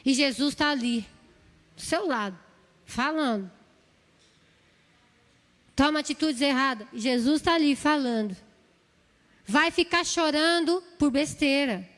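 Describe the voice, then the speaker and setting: A woman's voice: sits high, a little slow, pauses often, fairly bright tone. A woman from Brazil with a São Paulo Portuguese accent preaching a sermon in a church hall, earnest and pleading, repeating her phrases. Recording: long hall reverb.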